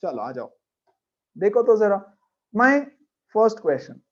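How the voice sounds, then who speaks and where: A man's voice: sits high, big pitch swings, very slow, fairly bright tone, lo-fi sound. A man teaching a maths class as a lecture, emphatic, repeating key points and checking in with his students. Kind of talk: classroom lecture mixing Hindi and English.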